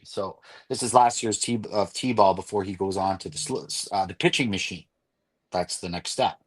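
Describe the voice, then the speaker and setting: A man hosting a sports radio show, telling stories in an animated way and laughing often. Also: lowish voice. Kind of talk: casual sports radio chat. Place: radio studio.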